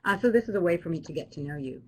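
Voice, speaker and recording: A woman's voice: fairly low pitch, lively intonation, rapid-fire, slight background noise, poor audio. A woman professor who grew up in Israel, hosting an online alumni webinar in a friendly way with many fillers and restarts. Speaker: business school professor.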